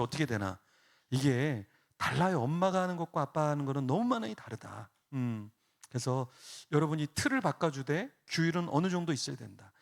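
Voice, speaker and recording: Male pastor with a fairly high voice, animated church sermon that acts out family scenes and builds to fervent prayer. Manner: acts out parents and children in quoted lines; rises to loud fervent prayer. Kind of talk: sermon at a parents' seminar. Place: church hall.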